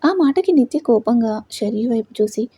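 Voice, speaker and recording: A woman narrating an audio love story in a steady, dramatic storytelling manner. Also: fairly high pitch, normal speed, husky, no room sound.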